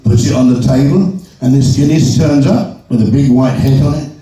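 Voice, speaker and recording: Male joke teller, rambling and stumbling, deep mellow tone; distant mic in a very echoey hall. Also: normal speed. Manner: rambling, stumbling restarts, chuckles at own punchlines. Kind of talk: telling jokes to a live audience.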